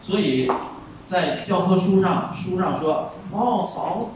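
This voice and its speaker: A man teaching a Chinese class, explaining tones by slowly acting out example words. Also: sits high. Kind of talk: classroom lecture. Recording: echoey room, far mic, faint noise.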